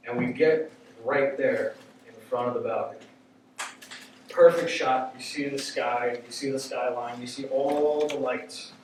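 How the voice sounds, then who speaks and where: A man doing stand-up, telling a story in an animated way, swearing casually and quoting people in voices. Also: medium pitch, a little hiss or hum. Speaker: stand-up comedian. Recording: echoey room, mic from a distance.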